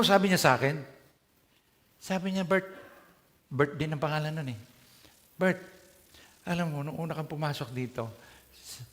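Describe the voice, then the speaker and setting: A man with a Filipino accent preaching a sermon, moving between Tagalog and English and putting questions to his congregation. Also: medium pitch. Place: church hall. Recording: long church hall reverb.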